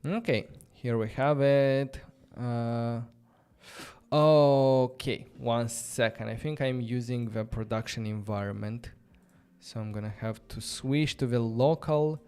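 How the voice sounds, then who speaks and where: Speaking English as a non-native, this Romanian-accented man runs a casual live-coding stream, musing aloud in a rambling, filler-heavy style. He takes it slowly, his mid-range voice darkish yet clean, with fairly even intonation, while faint music plays.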